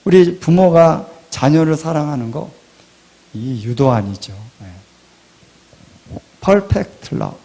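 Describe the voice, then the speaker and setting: Male preacher, fairly high voice with gravel; rises loud, drops to near whispers. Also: animated, takes it slowly, long pauses. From Korea. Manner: rhetorical questions, swings from loud to hushed. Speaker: pastor. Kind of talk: sermon.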